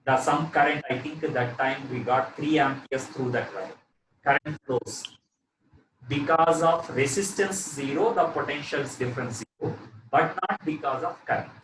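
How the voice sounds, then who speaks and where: A man's voice: a little high, normal speed. A man with a South Indian accent teaching a live physics lesson, repeating phrases and questioning a student as he works through problems. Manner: repeats phrases, often tags with "okay". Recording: roomy echo, distant mic, noisy background.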